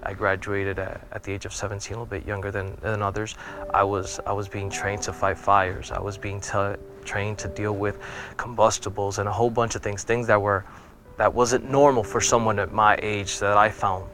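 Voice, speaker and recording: Low, even-toned earnest man. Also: moderate pace. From Puerto Rico. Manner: earnest, reflective. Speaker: airman. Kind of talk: personal interview testimony. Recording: music playing underneath.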